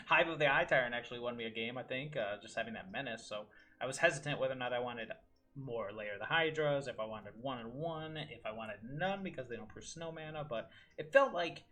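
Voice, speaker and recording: A man's voice: medium pitch, lively intonation, brisk, sharp tone. A man giving casual gameplay commentary at home, muttering his thoughts aloud with dry little asides. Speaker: gaming video host. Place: room at home with window open.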